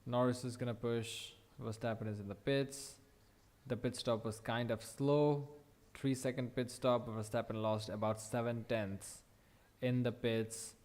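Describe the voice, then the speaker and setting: A young man reacting live as he watches a race, thinking aloud, excited and swearing now and then. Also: medium pitch, clean tone. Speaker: watch-along race commentator.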